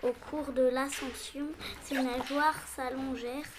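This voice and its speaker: Over clear background noise, a woman reads a children's story aloud. Her voice is high-pitched and she takes it slowly, phrase by halting phrase. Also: fairly even intonation. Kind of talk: scripted children's story narration, read aloud. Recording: clearly noisy recording with clicks.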